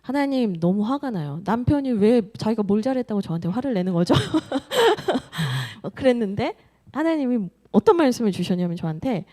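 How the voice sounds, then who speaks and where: A woman pastor in her thirties preaches from a church sanctuary. Her voice sits fairly high and swings widely in pitch. She slips into playful quoted dialogue as she tells her story. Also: sing-song, moderate pace, warm tone. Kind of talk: sermon.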